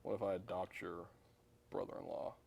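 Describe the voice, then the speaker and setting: A man's voice: low-pitched, little pitch movement, fairly quick, gravelly, a little mellow, a little hiss or hum. A young man co-hosting a casual chat, joking and teasing. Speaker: co-host.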